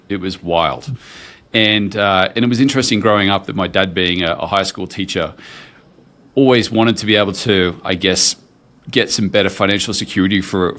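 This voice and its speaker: A man's voice: low voice, fairly bright tone. A man with an Australian accent telling his story conversationally as an interview guest, colourful and wryly self-deprecating. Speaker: podcast guest, tech entrepreneur.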